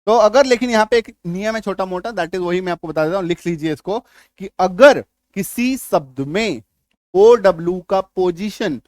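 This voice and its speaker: A man's voice: sits high, lively intonation, normal speed, darkish tone, no room sound, studio quality. A man with an Indian accent teaching English spelling rules in a lesson. He drills words, repeats himself and keeps checking whether learners understood. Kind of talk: spoken lesson.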